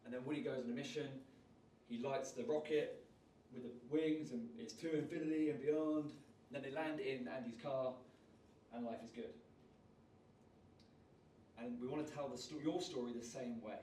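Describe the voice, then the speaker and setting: A man, leading a lively public speaking workshop and raising and dropping his energy on purpose. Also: mid-range voice, normal speed, slight background noise. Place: large room at a live workshop. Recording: roomy sound, voice from far off.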